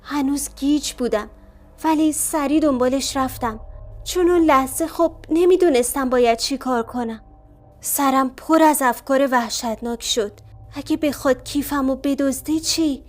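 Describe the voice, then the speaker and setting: A woman's voice: sits high, soft background music. A woman narrating a first-person horror story in a tense, anxious way.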